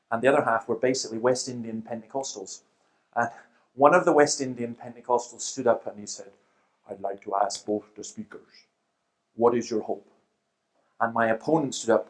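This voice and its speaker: Animated man telling stories. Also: mid-range voice, low-quality recording. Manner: animated storyteller, acts out quotes. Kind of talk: seminar talk with anecdotes.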